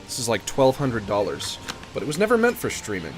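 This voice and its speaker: A man's voice: medium pitch, wildly swooping pitch, brisk, poor audio. A man chatting casually on a livestream in a rambling, joking way, with strong hissy sibilance from his studio microphone. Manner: rambling, joking, chuckles at own jokes. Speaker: video game streamer. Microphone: expensive large-diaphragm studio condenser microphone. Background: music.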